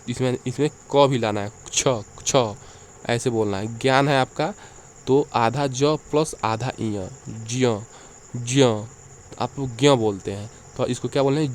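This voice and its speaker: Going point by point through exam-prep material, a medium-pitched male lecturer keeps checking that his listeners are following, frequently tacking on "ठीक है". The recording has a slight hiss or hum.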